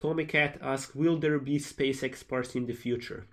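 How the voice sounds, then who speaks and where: A man's voice: medium pitch, fairly even intonation, normal speed, a bit bright. A man from Slovenia, a game developer casually reading out and answering questions on a livestream.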